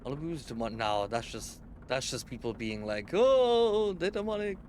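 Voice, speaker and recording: A man's voice: fairly low pitch, fairly quick, a little hiss or hum. A young man streaming a game, chatting casually with viewers and swearing a lot. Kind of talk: casual live-stream chat.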